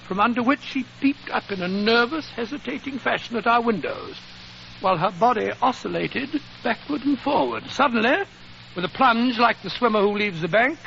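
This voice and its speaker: An older English doctor in a 1940s radio play, genial, fussy and a bit bumbling. His voice is high and gravelly, muttering like a kindly uncle. The recording is dull and noisy. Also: bright, forceful tone, full character voice. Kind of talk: 1940s radio drama acting.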